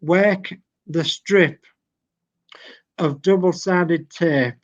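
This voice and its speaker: An older man with a Yorkshire accent patiently walks through model-building steps on a video call, reading the instructions aloud one by one. His voice is high and the recording muffled. He speaks slowly and patiently.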